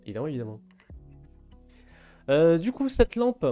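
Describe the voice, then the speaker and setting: A man's voice: fairly high pitch, big pitch swings, moderate pace, mellow, faint music behind. A man chatting casually with his live-stream viewers while he draws, teasing them and answering their messages.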